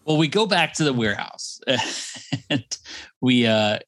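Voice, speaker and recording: A man co-hosting a podcast who leads the rundown, recapping step by step in relaxed casual chat. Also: mid-range voice, unhurried, no room sound. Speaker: podcast co-host leading the episode rundown.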